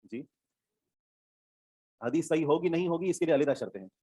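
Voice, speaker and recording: A man's voice: on the high side, expressive, normal speed, warm tone, no echo. A male Islamic studies teacher giving an online class lecture, explaining terms step by step, repeating them and checking that students follow.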